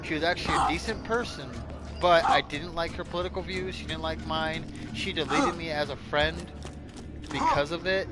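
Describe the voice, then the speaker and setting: A man's voice: fairly high pitch, normal speed, heavy background noise. A man chatting casually and ranting in a blunt way, swearing heavily. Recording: loud music behind the voice. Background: loud music.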